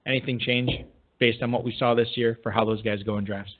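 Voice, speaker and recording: A man's voice: mid-range voice, steady tone, fairly quick. Man, podcast co-host, casual banter, reads emails, tinny phone-like sound. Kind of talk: casual chat.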